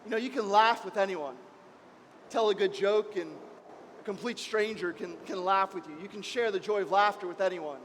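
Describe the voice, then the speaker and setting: A man preaching as pastor, impassioned, moving between hushed and raised passages. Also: high voice, moderate pace, big-room sound, a little hiss or hum. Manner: impassioned, swings between soft and loud. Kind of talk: sermon. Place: church.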